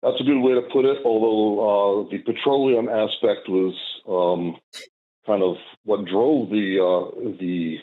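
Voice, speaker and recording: A man's voice: lowish voice, fairly even intonation, measured pace. An older man calling in to a talk show, hesitant and full of fillers as he explains his view. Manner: hesitant, many fillers and restarts. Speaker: caller. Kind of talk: call-in debate. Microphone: phone call. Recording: tinny phone line.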